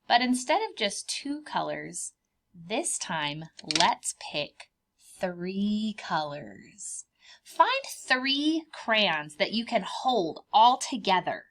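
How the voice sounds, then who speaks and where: Speaking in a mid-range voice that's a bit bright, this woman teaches preschoolers an art lesson in stages. She talks to the children in plain, simple terms, prompting them with encouraging questions and repeated phrases.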